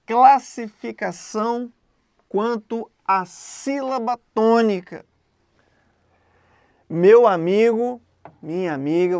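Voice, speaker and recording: A woman teaching an exam-prep grammar lesson in a conversational way, often checking in with quick questions. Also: mid-range voice, darkish tone, no room sound, studio quality.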